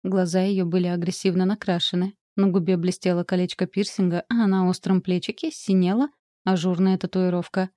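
A woman narrating an audiobook in an even, unhurried reading voice. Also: lowish voice, no room sound, clean studio sound. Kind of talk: scripted narration.

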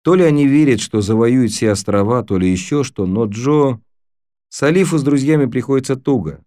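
A talkative, easygoing boy, as a man reading aloud puts him on, explaining things with lively energy. The voice sits raised above the reader's own, dark in tone. It is recorded close and dry. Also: medium pitch, normal speed, no echo, voice pushed up, close to an everyday voice.

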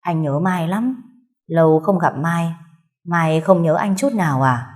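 A woman voicing a handsome, philandering young husband in a storybook reading, speaking in a soft coaxing, reproachful way. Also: fairly low pitch, measured pace, lightly acted.

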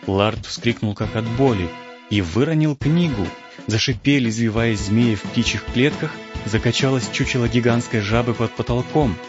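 A man narrating an audiobook in the first person, telling the story in a lively, theatrical way. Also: medium pitch, moderate pace. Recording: dull lo-fi audio with strong background music.

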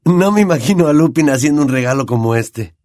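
A man voicing a thoughtful teenage boy in an audiobook, measured and puzzled. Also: on the high side, expressive, darkish tone, no echo, clean studio sound, voice pushed up, natural voice. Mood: doubtful.

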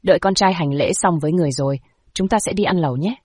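A woman's voice: on the low side, fast, darkish tone, husky, no room sound. A woman doing a weary middle-aged prince. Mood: weary placating. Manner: tired, placating.

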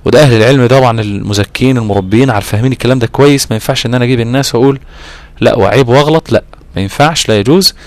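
A man with an Egyptian accent teaching a recitation lesson, repeating key terms and slowing down to draw out his recited examples. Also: mid-range voice. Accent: Egyptian Arabic. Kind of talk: explanatory lesson.

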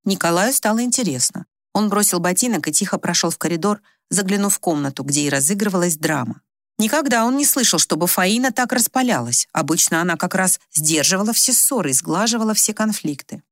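A woman reading a village story aloud in an even storytelling manner. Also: on the low side, a little fast, no room sound, studio quality. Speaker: audiobook narrator. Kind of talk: scripted story narration.

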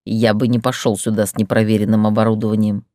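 Woman voicing a stern controlled man, low clipped voice, audiobook, dry sound. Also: level tone, fast, dark tone, no room sound. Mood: calm firm.

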